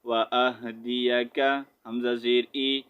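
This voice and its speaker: Male quran teacher, spells out syllables real slow and flat, smooth voice, muffled lo-fi recording. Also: medium pitch. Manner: spells each syllable slowly, then blends the word; explains rules in quick conversational asides. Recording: dull lo-fi audio.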